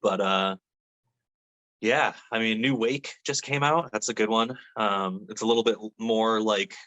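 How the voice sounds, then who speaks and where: A young man talks loosely and at length, a metal vocalist in a casual interview. His voice sits a little low yet comes across bright and forward. He rambles, leans on fillers and swears easily. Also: steady tone, unhurried, dull audio. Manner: laid-back, rambling, lots of fillers and swearing.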